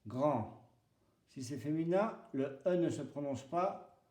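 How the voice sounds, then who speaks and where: A male French teacher speaks slowly and deliberately with a mellow, warm voice. He repeats each example word and walks through pronunciation rules step by step. The sound carries a roomy echo. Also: on the high side, animated. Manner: spells out pronunciation rules, switching between French and Basque. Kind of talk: slow, deliberate language lesson with repeated example words. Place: home.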